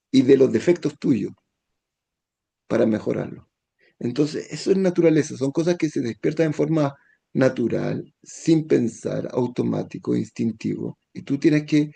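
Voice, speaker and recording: A man, a rabbi, teaching a Torah lesson in a gentle tone, now and then acting out the voices he quotes. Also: a little high, vocal fry.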